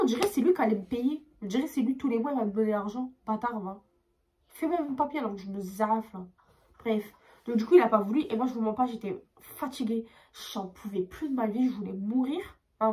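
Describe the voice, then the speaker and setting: Tired, expressive young woman vlogger. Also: fairly high pitch. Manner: expressive, swearing, acts out dialogue. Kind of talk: casual storytime vlog.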